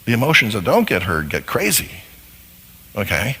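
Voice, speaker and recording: A man giving a seminar talk to a live audience, animated and acting out little scenes as he explains. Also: on the low side, moderate pace, gravelly, husky, in a large hall, low-quality recording. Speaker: marriage seminar speaker.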